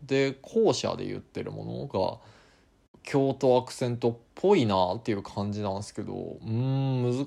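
A man's voice: mid-range voice, creaky, warm tone. A man hosting a casual solo podcast, musing aloud as he tries out different regional word accents. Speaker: podcast host.

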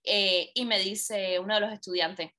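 A woman's voice: mid-range voice, a little slow. A woman guest, telling a personal story in conversation and acting out the dialogue. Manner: animated, acts out quoted dialogue. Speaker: interview guest.

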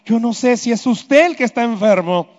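Preacher guy, high voice, impassioned, swings loud then hushed, dull lo-fi recording. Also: animated, normal speed. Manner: impassioned, swings from loud emphatic lines to hushed low ones. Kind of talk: sermon. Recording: echoey hall, dull lo-fi sound.

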